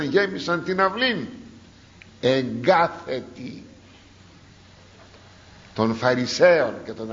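A man preaching a sermon, explaining scripture to his congregation with animated rhetorical questions. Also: mid-range voice, vocal fry. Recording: dull lo-fi recording.

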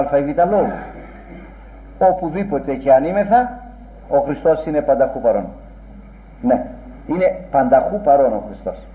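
High-voiced man preaching in an echoey room. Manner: earnest, rhetorical preaching with old-fashioned phrasing. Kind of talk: sermon. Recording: dull, echoey room recording.

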